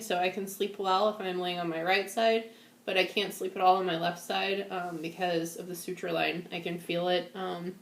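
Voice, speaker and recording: Woman doing a casual video diary, kinda weak and woozy after surgery, lowish voice, echoey room. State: shaky, feverish, recovering from surgery. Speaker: vlogger sharing a post-surgery update. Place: indoors at home.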